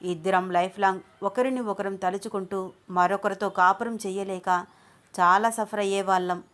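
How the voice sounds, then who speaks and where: A woman narrating a scripted love story, reading in an even, unhurried way. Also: mid-range voice.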